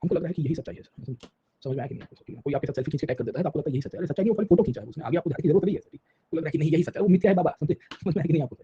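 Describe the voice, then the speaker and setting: A man's voice: fairly high pitch, dark tone, lo-fi sound, a little hiss or hum. A man giving a history lecture to a class, mixing Hindi and English and constantly checking whether his students are following. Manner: keeps checking in with the class with tag questions; mixes Hindi and English mid-sentence.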